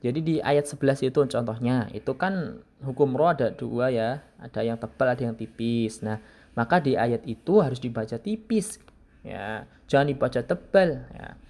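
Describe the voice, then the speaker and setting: A young man teaching Quran recitation in a casual lesson, slowly repeating sounds to demonstrate them. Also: medium pitch, a little mellow.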